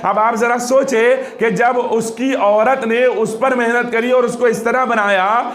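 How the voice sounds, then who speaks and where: A man's voice: extremely high pitch, steady tone, a bit bright. A male preacher giving a storytelling sermon to a gathering, acting out the dialogue in his story and urging listeners to reflect. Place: religious gathering with audience. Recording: echoey room.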